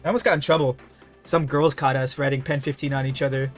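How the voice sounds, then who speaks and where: Young male streamer, loose and profane, mid-range voice, soft music under him. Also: mid-range voice, quick pace. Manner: animated, profane, rambling anecdotes. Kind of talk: casual live-stream chat and storytelling.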